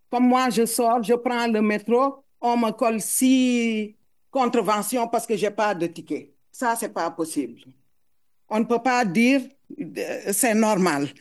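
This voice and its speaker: A middle-aged woman with a foreign accent gives emotional public testimony as a mother. She speaks earnestly and haltingly, repeating words as she searches for them. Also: a little high, a little mellow. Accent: foreign accent in French.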